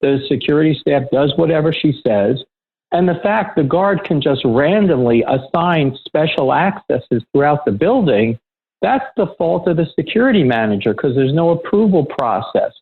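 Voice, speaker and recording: A middle-aged man, a security professional and interview guest, telling a work anecdote in a lively, conversational way and acting out the dialogue. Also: on the high side, moderate pace. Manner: lively storyteller who acts out quoted dialogue. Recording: tinny phone-like line.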